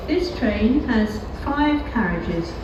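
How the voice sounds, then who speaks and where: Slow woman on a station loudspeaker. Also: a little high, dull audio. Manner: measured, even announcer delivery. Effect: station loudspeaker announcement. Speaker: station announcer. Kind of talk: recorded train station announcements. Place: railway station platform. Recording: echoey loudspeaker heard from far off, loud station noise. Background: trains and station ambience.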